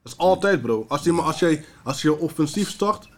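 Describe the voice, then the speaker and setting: A man co-hosting a podcast, arguing fast and calling his friend "bro" all the time. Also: on the high side, expressive. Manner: fast, argumentative, says "bro" constantly. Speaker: podcast co-host. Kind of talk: casual chat.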